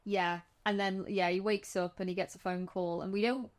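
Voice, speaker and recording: Woman on a movie podcast, talks at a middling pitch, chatty, keeps restarting sentences as she recaps scenes. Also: level tone, normal speed. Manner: chatty, restarts often, vivid retelling. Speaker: podcast co-host. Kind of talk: casual film discussion.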